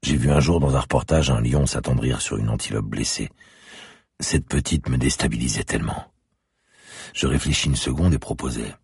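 A man narrating a literary story in the first person with a measured, intimate delivery. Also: a bass voice, gravelly, darkish tone, breathy edge, no room sound, studio quality.

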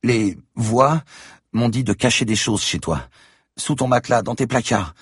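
A man's voice: expressive, a little slow, breathy edge, no echo, studio quality. A man voicing an eerie, manipulative little girl in an audiobook reading, pleading and threatening. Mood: menacing. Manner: pleading and threatening in a high childish voice.

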